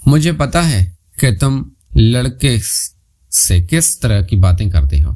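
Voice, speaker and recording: A man's voice: mid-range voice, big pitch swings, darkish tone. A man voicing a middle-aged aunt in a story, teasing and mock-scolding.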